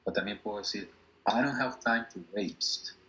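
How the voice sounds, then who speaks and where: Slow, patient male English teacher. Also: lowish voice, bright, forceful tone, low-quality recording. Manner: slow, patient, repeats words for drilling. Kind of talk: classroom language lesson.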